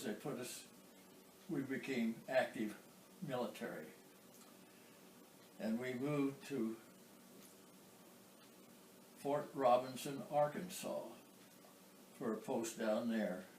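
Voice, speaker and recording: An American man in his nineties, an old veteran remembering his past in an interview, haltingly, with pauses and throat clearing. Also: mid-range voice, darkish tone. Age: 90s. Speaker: war veteran being interviewed. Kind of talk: oral history interview, recounting memories. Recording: roomy, distant microphone, some background noise.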